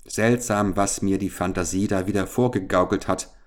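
A man's voice: deep voice, fairly even intonation, moderate pace, close to an everyday voice. A man reading the lines of a bold, upright young man, speaking firmly and earnestly. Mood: reflective. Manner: firm, earnest. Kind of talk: audiobook character reading.

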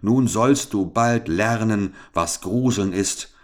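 A man's voice: fairly low pitch, takes it slowly, pitched above the performer's own voice. A man doing a menacing old bearded giant. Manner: threatening, gruff. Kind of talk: storybook reading.

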